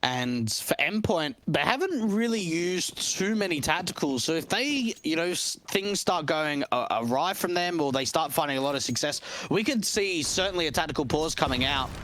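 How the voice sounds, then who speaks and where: A man giving color commentary on a live esports match, conversational and animated, breaking off and restarting thoughts. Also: on the high side, moderate pace, hardly any pauses. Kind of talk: analytical commentary.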